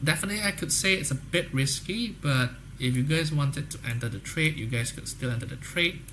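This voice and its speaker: Hosting a trading livestream, a young man from Indonesia talks to viewers in a casual, sales-minded way, with an Indonesian accent and frequent "guys, okay?". His voice is on the high side, a bit bright and fairly quick, and there's a little hiss or hum in the audio.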